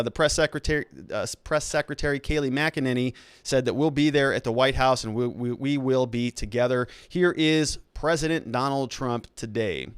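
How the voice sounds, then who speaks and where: A man hosts a live political commentary stream in a smooth, clean voice. The recording is dry and close, and he talks conversationally, drifting into asides as he goes. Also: medium pitch, no echo.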